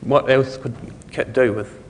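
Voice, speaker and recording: A man's voice: mid-range voice, fairly even intonation, measured pace, long reverb tail, a little hiss or hum. A man giving a conversational conference talk, explaining things step by step. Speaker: conference speaker.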